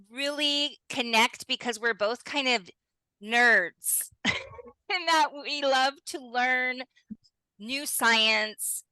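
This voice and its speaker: Bubbly bright-voiced woman podcast host. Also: on the high side, clean tone, no room sound, poor audio. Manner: bubbly, exclamatory, addresses listeners directly. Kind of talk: enthusiastic podcast interview.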